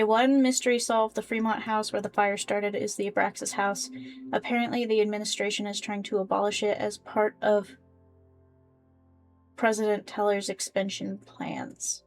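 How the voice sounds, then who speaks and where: A woman playing a story game, reading the dialogue and journal entries aloud in an expressive, casual way. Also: medium pitch. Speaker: game player voicing characters.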